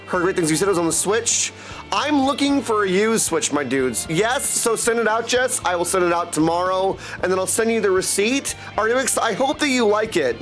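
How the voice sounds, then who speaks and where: This livestream host, a voice actor and audiobook narrator, has a high, slightly bright voice and sounds animated at a moderate pace. He chats casually with viewers while playing a video game, jumping from replies to catchphrases. The audio is poor, with music in the background.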